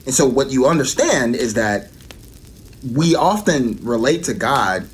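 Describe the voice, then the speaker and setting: A man's voice: mid-range voice, expressive, measured pace, slight background noise. A man giving an earnest devotional teaching and often repeating his key points for emphasis.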